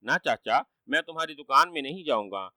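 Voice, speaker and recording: A man's voice: medium pitch, lively intonation, sharp tone, dry recording. A man doing a sly teasing trickster. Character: cunning playful young male trickster.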